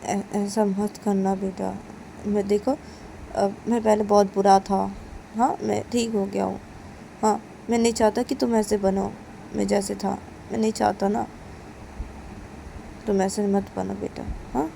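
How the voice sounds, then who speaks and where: A woman voicing a remorseful father who apologizes to his son in a soft, hesitant way. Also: medium pitch, flat delivery, measured pace, vocal fry, long pauses, a little hiss or hum, low-quality recording.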